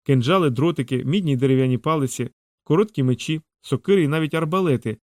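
A man reading a fantasy novel aloud in measured, steady audiobook narration. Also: fairly high pitch, no echo, studio quality.

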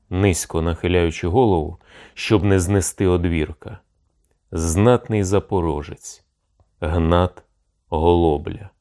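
A male narrator reads an adventure tale in a steady, storytelling manner. His voice is very low and deep, calm through long passages. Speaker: audiobook narrator. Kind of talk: scripted narration.

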